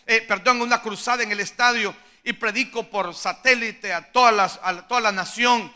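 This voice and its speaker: Impassioned preacher with a very high, bright voice. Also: male voice, fairly even intonation, normal speed. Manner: impassioned preaching, swings from hushed to shouting. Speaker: pastor. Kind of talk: sermon.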